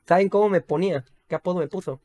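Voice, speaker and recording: Fast-talking Mexican man. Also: high voice, darkish tone. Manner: rapid, rambling anecdotes with slangy swearing. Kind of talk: casual chat.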